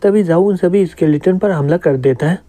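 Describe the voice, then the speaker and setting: A man narrating a comic story with a steady, plain retelling. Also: high-pitched, moderate pace. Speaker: manga explainer narrator.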